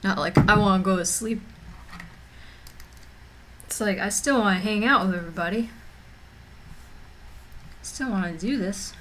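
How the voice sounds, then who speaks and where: A young woman chats casually on a livestream from a room at home, rambling with plenty of fillers and restarts while feeling mildly nauseous. Her voice is medium-pitched and measured, with frequent pauses. Background noise can be heard.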